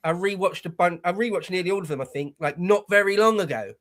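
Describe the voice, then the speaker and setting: A man's voice: sits high, quick pace, a bit bright. Blunt man in his forties. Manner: blunt, opinionated, swears freely. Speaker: podcast co-host. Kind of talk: casual political chat.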